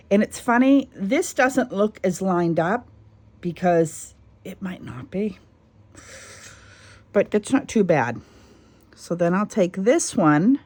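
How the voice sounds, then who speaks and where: A middle-aged woman with a slightly low voice talks viewers through a sewing project at home. She rambles, wanders off into asides and laughs at her own goofs. It sounds like easy, unscripted craft-tutorial chat. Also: a little mellow. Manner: chatty, self-deprecating, rambling asides. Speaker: craft channel host.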